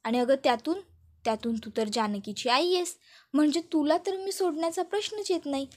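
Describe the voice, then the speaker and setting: A woman's voice: sits high, fairly quick, darkish tone, close to an everyday voice. A woman voicing a scheming young female villain who mocks and threatens her captive. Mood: taunting. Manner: mocking, menacing taunts.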